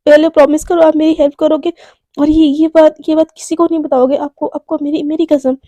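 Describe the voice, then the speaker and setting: Woman narrator doing a shy pleading junior girl, soft and high, dark timbre. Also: flat delivery, fairly quick, no room sound, close to an everyday voice. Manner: soft, begging, quieter than the narration. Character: pleading shy young female college junior.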